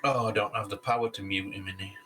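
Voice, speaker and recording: A man's voice: lowish voice, fairly even intonation, fast talker, pushed and bright, breathy edge. A man joining a livestream's voice chat, confidently arguing a point and teasing the others. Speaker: voice chat guest. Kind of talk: casual group chat.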